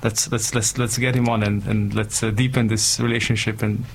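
A man's voice: fairly low pitch, little pitch movement, moderate pace, creaky, a little hiss or hum. A man hosting a casual interview podcast, chatty and curious, asking plenty of follow-up questions. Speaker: podcast host.

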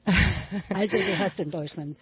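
A woman's voice: on the low side, moderate pace, husky, lo-fi sound. A woman moderating a radio interview, speaking hesitantly with many filler sounds. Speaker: radio host.

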